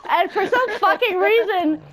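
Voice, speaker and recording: A young woman with a high voice tells a story over voice chat. She rambles and swears freely. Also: a little slow, background noise. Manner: rambling, swearing, laughing through it. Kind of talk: casual voice chat retelling.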